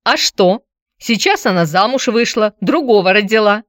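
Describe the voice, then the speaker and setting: A woman reading a story, voicing a worn-out, drunken ex-wife who pleads and shouts tearfully. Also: lively intonation, normal speed, no echo, clean studio sound, natural voice. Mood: shrill pleading. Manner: shrill, pleading, tearful outbursts.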